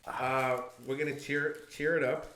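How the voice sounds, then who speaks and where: A man's voice: mid-range voice, level tone, unhurried, bright, forceful tone, echoey room. A man hosting a casual podcast with friends, laughing often as he runs a spicy chip segment. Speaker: podcast host. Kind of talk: casual chat.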